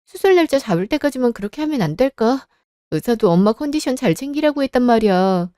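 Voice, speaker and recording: A woman's voice: on the high side, animated, fast talker, warm tone, no echo, clean studio sound, natural voice. A woman playing a worried young wife and mother who pleads to care for her sick mother, in a radio drama. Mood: pleading. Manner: pleading, anxious.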